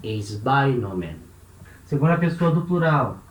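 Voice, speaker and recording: Counting syllables aloud, a man explains Ancient Greek grammar one step at a time in a Brazilian Portuguese accent. His slightly high voice is animated and moderately paced. The recording has a roomy echo, with his voice away from the mic.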